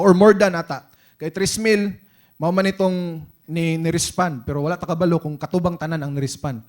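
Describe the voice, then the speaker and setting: Animated high-voiced Cebuano preacher. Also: male voice. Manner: mixes English and Cebuano, frequent tag "no?"; animated preaching with rising emphasis. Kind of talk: sermon.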